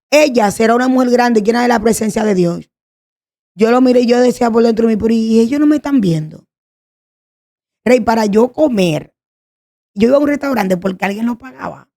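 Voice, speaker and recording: A woman tells her personal testimony in an earnest, pleading way. Her voice has a gravelly fry. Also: fairly high pitch, fairly quick, a little mellow. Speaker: guest sharing a testimony.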